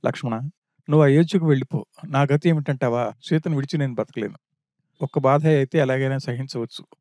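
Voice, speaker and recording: A man reading the part of a grieving prince pours out his lament in a mellow, dark voice, one anguished question after another. The sound is dry and close, with no room around it. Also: mid-range voice, brisk, dry recording, lightly acted.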